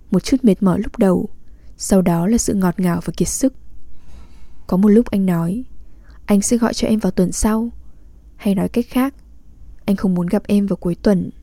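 A woman reading a literary diary aloud in a calm, measured, intimate way. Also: medium pitch, dry recording, clean studio sound. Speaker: reader.

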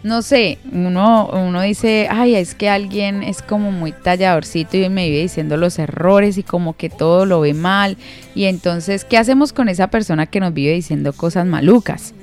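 Woman telling lively anecdotes. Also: lowish voice, normal speed, faint music behind. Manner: lively storytelling, acting out everyday dialogue with humor. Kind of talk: conversational faith talk.

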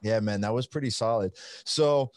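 A man's voice: on the low side, moderate pace, darkish tone, no echo. A young man with an Italian accent hosting a podcast, talking in a rambling, upbeat way full of fillers. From Italy. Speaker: podcast host. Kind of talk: casual interview chat.

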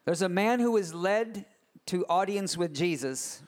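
A man preaching a sermon in short phrases, pausing after each for his interpreter. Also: high voice, lively intonation.

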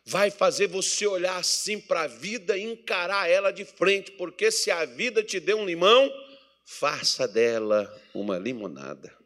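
A Brazilian man preaching a sermon as pastor, swinging between loud exhortation and quiet asides, acting out little dialogues. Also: sits high, animated, a little slow. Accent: Brazilian Portuguese. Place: church meeting hall.

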